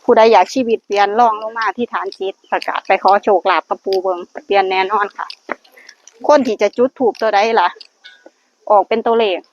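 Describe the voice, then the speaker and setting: A woman's voice: medium pitch, steady tone, fairly quick. A woman with an Isan accent giving blessings and luck advice to her viewers at a temple, earnestly addressing them as brothers and sisters. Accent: Isan (Northeastern Thai). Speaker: vlogger guiding lottery luck prayers. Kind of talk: casual blessing-filled vlog talk. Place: temple grounds. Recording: dull lo-fi recording with faint noise.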